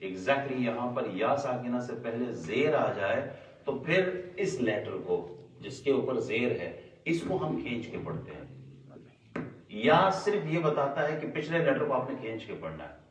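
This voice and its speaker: Male teacher, mid-pitched, quizzes the class and draws out sounds to show them; echoey room, mic set back. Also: very animated, unhurried, distant mic, slight background noise. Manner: questions the class and answers himself, stretches sounds to demonstrate. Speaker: Quran recitation teacher.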